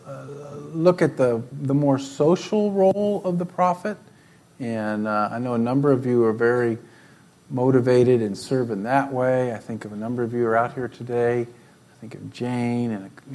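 A middle-aged man leading a church class, giving informal announcements in halting phrases with pauses. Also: medium pitch, darkish tone.

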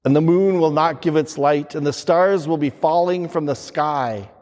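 A priest reading the Gospel and preaching in a slow, measured liturgical manner, his voice carrying a long cathedral-like echo. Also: on the high side, a little mellow. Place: large church. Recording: church hall with long reverb.

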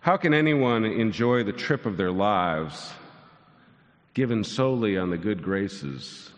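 A man's voice: fairly low pitch, animated, measured pace. A pastor in his sixties preaching a sermon, telling stories with dry self-mocking humor and building to soaring lines. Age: 60s. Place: large church sanctuary. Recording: long church hall reverb.

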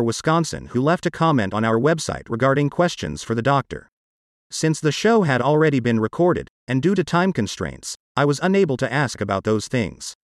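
A man's voice: mid-range voice, no echo, studio quality. A man's computer-generated voice, like an old speech synthesizer, reading scripted narration as a podcast host.

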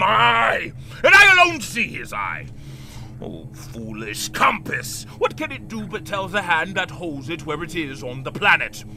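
Fierce, obsessed old sea captain. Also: male voice, mid-range voice, pushed and bright, exaggerated voice. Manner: imperious, grandiloquent, erupting from brooding mutters into roars. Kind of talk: theatrical audio drama acting with archaic speech.

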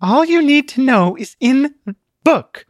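A man voicing Love, a mocking young magical girl, in a shrill, high voice. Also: animated, a little slow, no echo, clean studio sound. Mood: strained.

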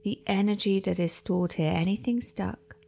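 Soft, gravelly-voiced woman guiding meditation. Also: medium pitch, steady tone. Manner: slow, soft-spoken, often half-whispered. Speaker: meditation guide. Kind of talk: guided meditation.

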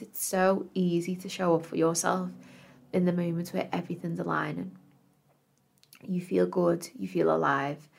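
Female podcast host, lower voice with some vocal fry. Earnest self-help influencer delivery, reflective and affirming, speaking straight to the listener.

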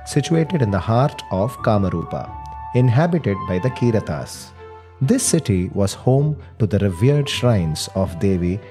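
Storytelling host: male, South Indian accent, mellow tone, Indian English phrasing, light music underneath. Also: fairly low pitch. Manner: uses Tamil words and Indian English phrasing. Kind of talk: scripted storytelling and playful family dialogue.

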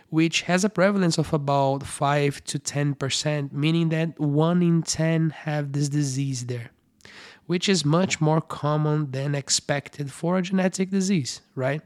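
Pitched a little high, this man is a physician running a podcast about eye research. He keeps the explanations simple and warm, often pausing to ask "right?".

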